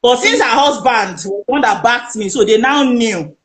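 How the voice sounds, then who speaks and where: A woman with a Nigerian accent recounts her own story as an interview guest. Her voice sits fairly high, and she tells it with lively emphasis, slipping into the voices of the people she quotes. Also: normal speed, roomy sound. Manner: animated, emphatic retelling that acts out quoted speech.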